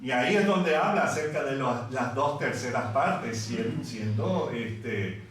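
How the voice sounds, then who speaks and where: A man from Venezuela preaching a sermon in a conversational, unhurried way and singing scripture passages in a church hall. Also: mid-range voice, lively intonation, soft background music. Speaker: pastor. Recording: echoey room from far off.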